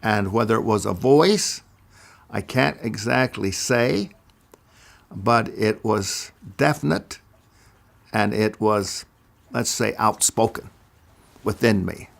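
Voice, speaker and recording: Older man from Idaho, gravelly, very slow measured storyteller. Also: on the low side. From Idaho, USA. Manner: deliberate, measured delivery with careful pauses. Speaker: speaker giving a personal testimony. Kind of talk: slow first-person storytelling.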